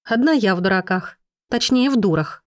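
An indignant, sharp-tongued young woman snapping back with sarcasm, as a female audiobook reader puts her on. Her lines come out higher and more heated than the narration. The sound is dry and close. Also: animated, moderate pace, no room sound, close to an everyday voice. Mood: sarcastic. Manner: hissing, sarcastic outbursts. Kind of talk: audiobook reading.

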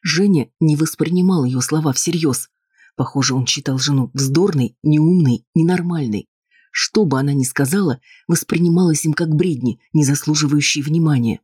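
A man narrating a novel aloud with a husky, slightly breathy voice. His delivery is measured and even, recorded dry and close with no room sound. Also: a little high, no echo. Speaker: audiobook narrator. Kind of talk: scripted narration.

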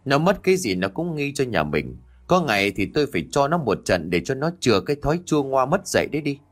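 A man's voice: mid-range voice, sing-song, quick pace. A man playing a short-tempered tired fisherman. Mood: angry. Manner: angry, blunt retorts. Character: tired, hot-tempered village fisherman, middle-aged.

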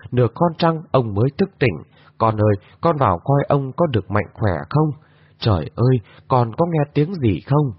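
A man voicing a grieving noble lady, husky and mournful. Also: medium pitch, lively intonation, normal speed, dry recording. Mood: frightened. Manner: lamenting, mournful. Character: grieving noble lady, middle-aged, sorrowful. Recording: dull lo-fi recording.

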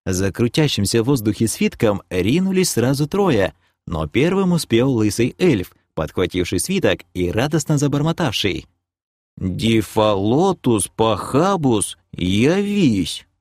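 A man narrates a fantasy audiobook in the first person. His pitch moves a lot, giving the reading an animated feel. The recording is dry and close. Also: normal speed, no echo.

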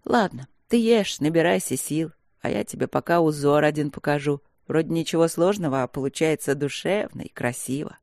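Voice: mid-range voice, brisk, hardly any pauses, a little mellow, dry recording, clean studio sound, lightly acted. A reader voicing a blunt, worried older mother who scolds her grown daughter tenderly, in an audiobook. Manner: plain-spoken, scolding and tender.

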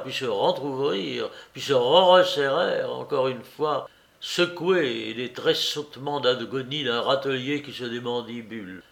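A man reading a classic novel aloud as audiobook narration, measured and expressive. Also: medium pitch, vocal fry. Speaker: audiobook reader.

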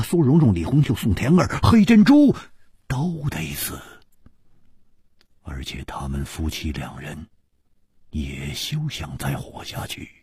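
A man narrating a martial arts novel as a storyteller, dramatic and swinging between loud and hushed. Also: deep voice, breathy edge, no room sound, studio quality.

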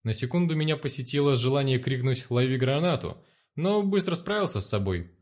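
Man, first-person audiobook narration, profane, sardonic, mid pitch. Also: lively intonation, fast talker, darkish tone.

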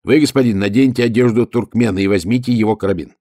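A man voicing an unhurried, loyal male servant who talks calmly and matter-of-factly. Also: lowish voice, dry recording, studio quality, natural voice. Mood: calm, practical.

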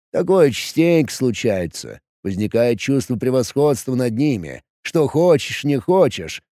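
A man voicing a veteran male goblin soldier who talks in a deep, slow, grumbling way. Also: mellow, no echo, studio quality, close to an everyday voice.

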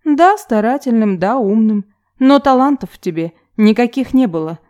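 Woman narrator as a reproachful adult woman, harsh, lecturing, mellow dark tone, audiobook. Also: on the high side, animated, normal speed, lightly acted. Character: adult woman confronting her younger self, stern. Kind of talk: audiobook character reading.

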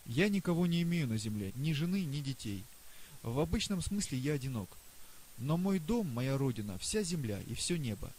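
A man voicing a boastful, excitable old male astronomer professor in an audiobook reading. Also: medium pitch, close to an everyday voice, low-quality recording. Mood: earnest. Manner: lively, boastful, rapid questioning. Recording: faint hiss.

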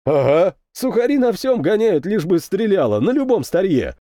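A man voicing a young, boastful tank captain who talks roughly and loudly. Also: high-pitched, big pitch swings, moderate pace, dry recording, clean studio sound, pitched above the performer's own voice. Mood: excited. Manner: rough-spoken, boastful, loud.

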